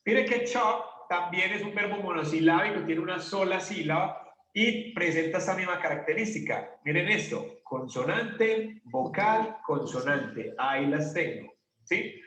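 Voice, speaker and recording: A man with a high voice teaches an English grammar lesson, patiently putting questions to the class and answering them himself. He sounds a little far from the mic, in an echoey classroom. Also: lively intonation, unhurried, pushed and bright. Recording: echoey room, voice from a distance.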